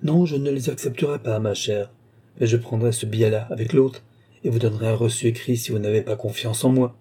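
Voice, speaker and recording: A man's voice: mid-range voice, fairly even intonation, brisk, mellow, breathy edge, natural voice. A man voicing a scheming, greedy woman doctor who talks down coolly and sweetly, in an audiobook reading. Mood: coldly wheedling. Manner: coolly condescending, calls her "ma petite".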